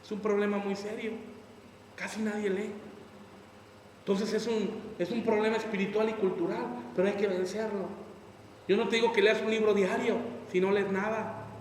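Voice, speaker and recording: A man preaching a sermon as a pastor, acting out people's excuses in quoted voices. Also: high-pitched. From Mexico. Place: church hall. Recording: echoey hall from far off, faint noise.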